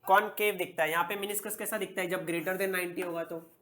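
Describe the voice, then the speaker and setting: A male physics teacher lectures a class, asking questions and answering them himself while slowly repeating key words. His voice sits high with a steady, sharp tone, and there's a little hiss or hum.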